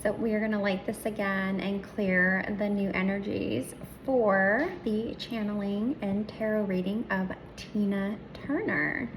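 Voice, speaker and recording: A middle-aged woman with a slightly hoarse voice chats slowly and softly through a tarot reading, often sliding into a breathy near-whisper. Her voice sits in a middle pitch. A clear hum of room noise runs under her words. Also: steady tone. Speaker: tarot reader. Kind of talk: casual spiritual reading chat.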